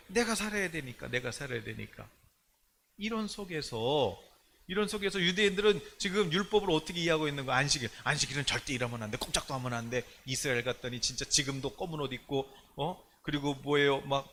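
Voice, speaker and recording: A man preaching a sermon as pastor at a prayer meeting in a church. He talks animatedly, asks many rhetorical questions, and swings from loud to hushed. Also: on the high side, slight background noise. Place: church, streamed online service.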